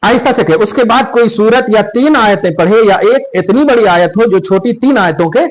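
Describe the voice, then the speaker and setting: Here an Islamic scholar instructs on prayer during a podcast conversation, going step by step. His voice sits high at a normal speed; he's emphatic and checks for understanding, and the recording is rough.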